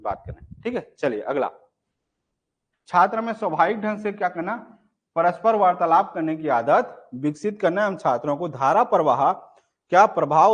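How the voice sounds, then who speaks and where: An online exam-prep class is led by a young adult man whose voice is on the high side. He frequently asks rhetorical questions to test comprehension and acts out example phrases as he goes.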